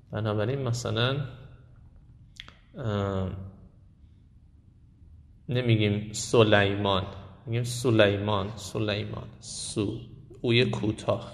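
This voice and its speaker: A man with a gravelly voice of middle pitch teaches a Quran recitation class. He talks slowly and hesitates often, and he repeats sounds aloud to show how they are said. His voice carries a long echo, as if he is speaking in a large hall. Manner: explains slowly with many hesitations, demonstrates sounds by repeating them. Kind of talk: classroom lesson.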